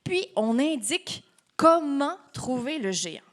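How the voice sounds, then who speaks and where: A woman's voice: high-pitched, big pitch swings, unhurried. A woman with a Québécois French accent reading a story to children at storytime, playful and chatty with her audience. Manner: playful, asks the children questions, laughs often. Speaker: storytime reader.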